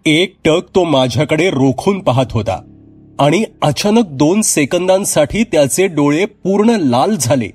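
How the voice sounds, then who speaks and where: A man's voice: medium pitch, darkish tone, breathy edge. A man voicing a frightened, earnest young woman who pleads and raises her voice in distress. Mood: pleading.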